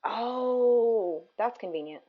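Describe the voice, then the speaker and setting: Slow-talking woman chatting while cooking. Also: fairly high pitch, animated, narrow, tinny audio. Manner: chatty, answers viewer messages, giggly. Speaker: cooking livestream host. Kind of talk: casual chat with viewers while cooking.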